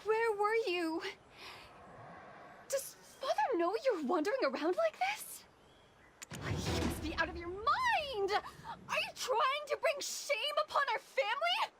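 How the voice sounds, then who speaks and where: A woman's voice: extremely high pitch, very animated, measured pace, background noise, full character voice. An actress voicing a fretful young noblewoman wife in a game cutscene, scolding and tearful by turns. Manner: dramatic, scolding, tearful outbursts. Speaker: game character.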